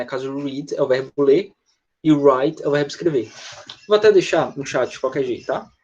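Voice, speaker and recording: A man's voice: a little high, a little mellow, muffled recording. A man teaching an English class online, explaining patiently and often checking in with his students.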